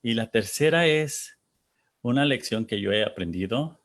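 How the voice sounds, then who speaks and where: A man interpreting an interview aloud, halting and searching for words as he goes. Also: medium pitch, lively intonation, fairly bright tone.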